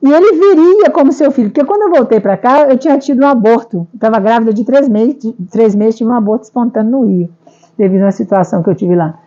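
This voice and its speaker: A woman's voice: fairly high pitch, quick pace, warm tone, highs cut off. A woman with a Brazilian Portuguese accent giving an emotional first-person testimony, rambling and repeating herself with frequent tag questions. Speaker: speaker sharing a personal testimony.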